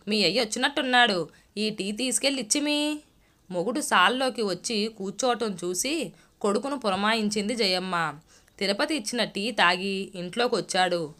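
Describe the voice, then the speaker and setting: A woman storyteller reading a scripted story in a steady, measured way. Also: medium pitch.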